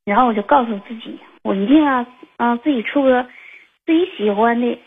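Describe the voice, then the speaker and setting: A woman in her 20s phones in and rambles through a personal story, full of fillers and false starts. Her voice is fairly high and fairly quick with a breathy edge, heard over a tinny phone line.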